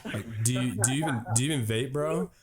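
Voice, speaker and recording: A man's voice: mid-range voice, fast, crowd noise. Upbeat joking male podcast host. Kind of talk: casual podcast chat.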